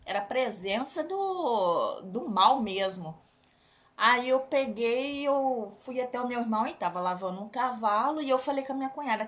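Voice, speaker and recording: A woman with a Brazilian accent telling a religious testimony to a congregation, often turning to the listeners as brothers and sisters. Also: fairly high pitch. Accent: Brazilian Portuguese. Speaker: church member giving a testimony.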